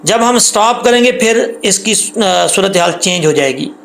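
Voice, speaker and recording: A man teaching tajweed rules patiently, repeating points and drawing out the recited syllables slowly. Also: high-pitched, animated, vocal fry, a bit bright. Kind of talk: tajweed lesson with slow recited examples.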